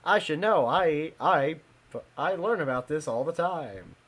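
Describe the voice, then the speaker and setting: A man's voice: a little high, animated, fairly bright tone. A young man streaming a ghost-hunting game live, chatting casually with his viewers and laughing easily. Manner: chatty, talks to chat, quick laughs.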